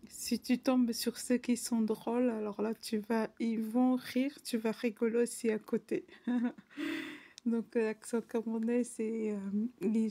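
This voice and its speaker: A woman softly reading dictionary entries aloud, often slipping into an unvoiced whisper, word by word and unhurried. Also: a little high.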